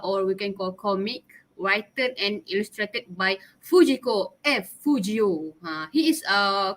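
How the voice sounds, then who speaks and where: A woman in her twenties speaks with a mid-range, sharp-toned voice and a Malaysian English accent. As a student presenter, she talks casually to her class, chatty and giggly, slipping in Malay words.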